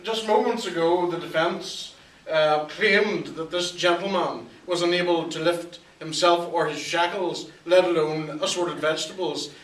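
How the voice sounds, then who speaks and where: A man playing a pompous, sneering prosecution lawyer in a comic courtroom sketch, speaking formally with hesitant pauses. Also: fairly high pitch, fairly even intonation, a bit bright. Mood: incredulous. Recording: distant echoey room, clear noise.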